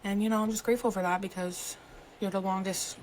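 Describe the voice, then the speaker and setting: A woman's voice: mid-range voice, level tone, fast talker, a little mellow, a little hiss or hum, low-quality recording. A young adult woman co-hosting a podcast, joking and supportive in casual chat, with plenty of fillers. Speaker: podcast co-host.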